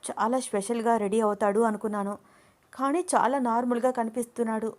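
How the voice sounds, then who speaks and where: A woman voicing an excited, stylish young woman who talks to herself while waiting on a man. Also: on the high side, a little fast, lightly acted. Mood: eager.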